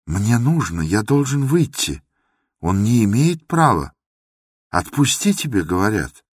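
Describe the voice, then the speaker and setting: An actor playing a timid aging male doctor who is trembling and pleading, with a husky voice, in a radio drama. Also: fairly low pitch, lively intonation, measured pace, no room sound, clean studio sound. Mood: agitated. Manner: pleading, shaky.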